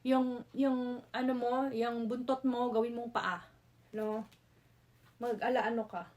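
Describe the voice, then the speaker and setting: A woman's voice: fairly high pitch, fairly even intonation, slow pace, a little mellow, muffled recording. A woman with a Filipino accent doing a casual tarot reading, chatty, mixing Tagalog and English with frequent "no?" tag questions. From Philippines. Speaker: tarot reader.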